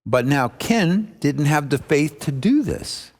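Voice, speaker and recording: A man preaching a storytelling sermon as a guest preacher, acting out the dialogue in animated fashion. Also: a little high, takes it slowly. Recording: music playing under the voice.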